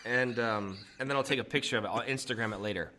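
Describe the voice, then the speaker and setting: Bright-voiced man who says w for r. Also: mid-range voice, fast talker, slight background noise. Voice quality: can't say his R's, pronounces r like w. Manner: amped up, teasing. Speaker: sports podcast host. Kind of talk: casual sports banter.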